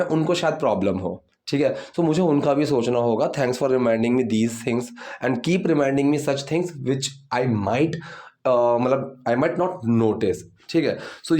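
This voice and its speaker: Man, English teacher, patient step-by-step explanations, slightly high-pitched. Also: a little mellow. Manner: explains step by step, repeats sentences slowly. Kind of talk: bilingual grammar lesson.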